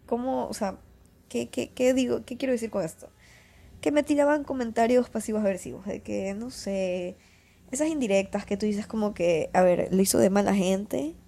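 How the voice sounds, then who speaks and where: A young woman hosting her own podcast, hoarse and stuffy-nosed from the flu, telling personal stories in a confiding, rambling way with many self-corrections. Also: mid-range voice, normal speed, mellow. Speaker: podcast host. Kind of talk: casual personal podcast monologue.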